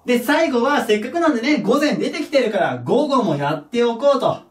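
Guy teaching english at a board, high lively voice, patient, bit far off the mic. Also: fairly quick. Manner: patient, step-by-step, checks in with "right?"; self-deprecating about his own mistake. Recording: echoey room, voice from off the mic.

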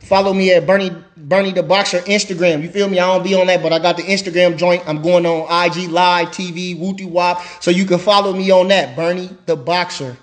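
A man in his late thirties, a former boxer, talking loudly and brashly in a hyped livestream rant, trash-talking and shouting at times. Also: high voice, flat delivery, a little fast, few pauses.

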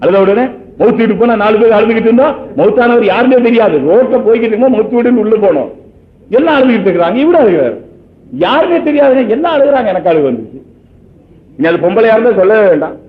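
A man's voice: sits high, expressive, fast. A man giving an Islamic sermon, telling everyday stories in a chatty way and asking his listeners questions. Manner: conversational storytelling with rhetorical questions. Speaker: Islamic preacher. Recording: echoey, phone-like lo-fi sermon recording.

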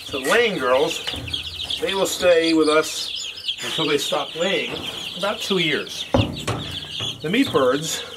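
This farmer's voice sits on the high side, and he speaks slowly with long pauses, explaining things in a casual, folksy manner for a how-to video. The unscripted demonstration takes place outdoors by a concrete patio and pens. Loud bird chirps, clucking and clicks make the farm recording noisy.

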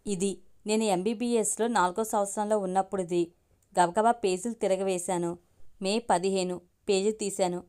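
Smooth-voiced woman storyteller. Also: medium pitch, moderate pace. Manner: steady first-person narration. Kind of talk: audiobook story reading.

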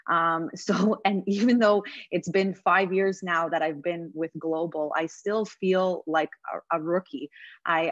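A news reporter from Montreal, Canada, a woman in her late twenties with a fairly low voice, speaks as a guest to journalism students over a video call. She talks conversationally, with many fillers and restarts. The video-call audio is dull and dry, with no echo.

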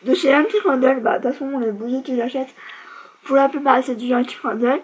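A woman's voice: sits high, slightly rough, poor audio. A young woman vlogger chatting casually through a beauty product review, chatty and self-mocking, with lots of fillers.

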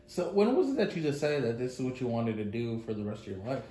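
A man asking interview questions in a quick, leading way. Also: medium pitch, sing-song, mellow, roomy sound, a little hiss or hum, poor audio.

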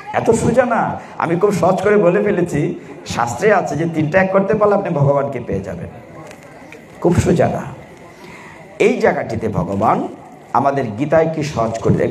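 High-voiced preacher in an echoey hall. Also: male voice. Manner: storytelling, asks the audience questions. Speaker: Gita preacher. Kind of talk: devotional sermon.

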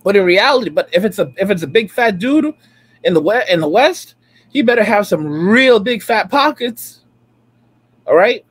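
A man near forty with a high-pitched voice delivers emphatic, repetitive commentary over video clips. He hammers his points home again and again in a preachy tone, streaming from a room at home. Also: expressive, moderate pace, breathy edge. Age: late 30s. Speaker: reaction streamer.

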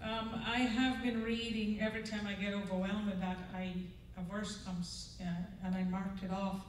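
An older woman leads a chapel devotional and prayer, earnest and conversational, often asking the audience to agree. Her voice sits at a middle pitch and rings through a large, very echoey hall. It sounds picked up from some distance, with faint room hum behind her. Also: little pitch movement, normal speed. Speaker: chapel speaker. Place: large church auditorium stage. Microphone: handheld microphone. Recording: echoey hall, mic heard from afar.

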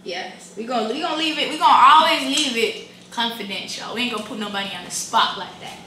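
A young woman with a fairly high voice chats in a relaxed, slangy way as she co-hosts a food vlog. She sits back from the mic in an echoey room. There is a steady noise behind her. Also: fast, recorded from a distance. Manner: laid-back, slangy, draws out words. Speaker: vlog co-host. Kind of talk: casual chat.

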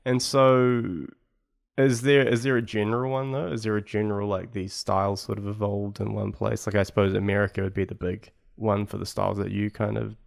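A young man hosting a podcast, asking curious questions with dry jokes in a small home studio on a boom mic. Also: little pitch movement, a little fast, gravelly. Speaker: podcast host. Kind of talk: casual podcast interview. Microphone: studio boom mic with headphones.

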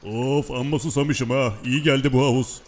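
A man's voice: medium pitch, fairly even intonation, moderate pace, lightly acted. A man dubbing a grumpy, easily startled pet in a comic video, grumbling and throwing crude insults. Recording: music behind.

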